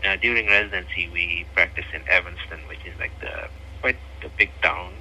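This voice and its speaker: A man from Nepal with a Nepali accent speaks earnestly as a physician guest. His voice is very low yet strikingly bright and forceful, and he hesitates often with many fillers. Faint noise runs behind him on the line. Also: fairly even intonation, a little fast, low-quality recording. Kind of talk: interview.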